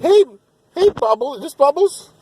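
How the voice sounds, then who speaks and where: A woman's voice: sits high, big pitch swings, normal speed. A woman vlogger giving gushing, exclamatory commentary to viewers from inside a car going through a car wash, filmed on a handheld phone. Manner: gushing, exclamatory, baby-talk tone. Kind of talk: excited running commentary to viewers. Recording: loud car wash machinery noise.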